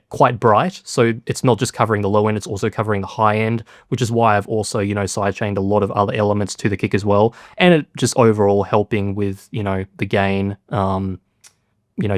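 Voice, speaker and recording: Laid-back man, low voice. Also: dry recording, clean studio sound. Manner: relaxed, lots of fillers, self-deprecating. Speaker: music producer. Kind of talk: casual production tutorial.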